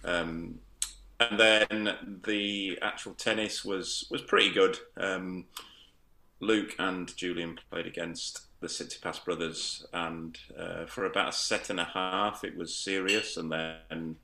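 A man with a Yorkshire accent chats casually on a podcast. His voice is low and gravelly with a hard, bright edge, and he tells things in a dry, plain way. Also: level tone, slow pace. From Yorkshire, England. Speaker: tennis coach and podcast panelist.

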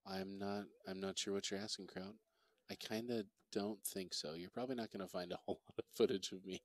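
A man giving relaxed, chatty commentary on a pool match, reading out viewer comments as he goes. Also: deep voice, a little fast, no echo. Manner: easygoing, chatty, reads viewer chat aloud. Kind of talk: relaxed live play-by-play commentary.

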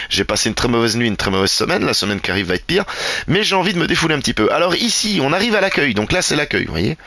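A man's voice: medium pitch, bright, forceful tone, dry recording. A man rambling through a tour of his game build, with sarcastic asides. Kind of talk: casual gameplay commentary.

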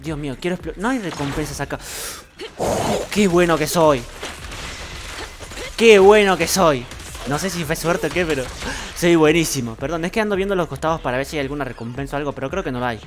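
A man with an Argentine accent giving excitable, boastful gameplay commentary at his computer, swearing casually. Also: on the high side, racing. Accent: Argentine Spanish. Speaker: gaming streamer. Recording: loud game music behind voice.

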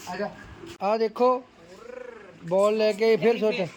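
A man's voice: high-pitched, fairly even intonation, slow. A man, casually coaxing his dog with short repeated commands in a home video. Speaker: dog owner showing his pet.

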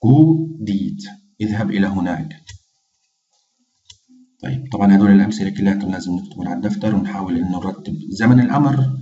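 A man teaching a casual lesson, slowly repeating each phrase. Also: low-pitched, mellow, recorded from a distance. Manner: slow, patient, repeats each phrase twice. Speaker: language teacher. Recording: dull, echoey room, off-mic.

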